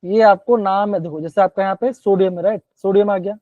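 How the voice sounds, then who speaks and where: A man's voice: high-pitched, fairly even intonation, a little fast, dark tone, dry recording. Male chem teacher on an online class, keeps asking kids to answer, words, muffled dull stream, dry sound. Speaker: chemistry teacher.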